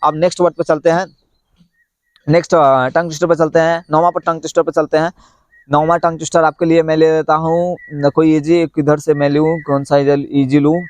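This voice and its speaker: A man teaching English pronunciation, saying tongue twisters slowly and repeating them, with chatty coaching in between. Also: on the high side, flat delivery, no room sound. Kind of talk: pronunciation lesson.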